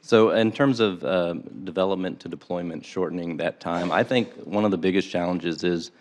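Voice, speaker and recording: A man with a very deep, low voice answers questions as an expert witness in a hearing room. He talks in a measured, explanatory way and often doubles his opening words before settling into an answer, close to a desk microphone. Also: a little mellow. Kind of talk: formal testimony answering questions.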